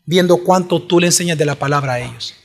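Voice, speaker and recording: A man's voice: a little high, quick pace, gravelly, faint music behind. A man preaching a sermon, pressing his listeners with emphatic rhetorical questions.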